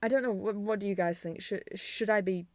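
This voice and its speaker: A woman's voice: medium pitch, fairly even intonation, fairly quick, no echo, studio quality. Giggly Yorkshire woman with a lisp. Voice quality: slight lisp. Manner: giggly, laughs often between thoughts. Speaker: channel host. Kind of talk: casual rambling chat to camera.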